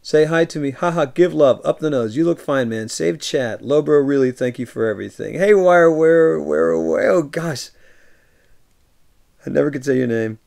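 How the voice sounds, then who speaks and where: This American livestreamer has a gravelly, slightly high voice and talks at a moderate pace. Sitting in his home room with its shelves of films, he reads out chat messages and replies warmly, often breaking into laughter during the casual chat.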